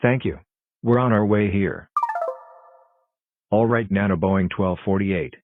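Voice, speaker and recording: A man's voice: lowish voice, measured pace, dry recording, narrow, tinny audio, close to an everyday voice. A synthetic-sounding man voicing a worried, suspicious cartoon father in a stiff, formal way. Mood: concerned, polite. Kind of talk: scripted cartoon dialogue.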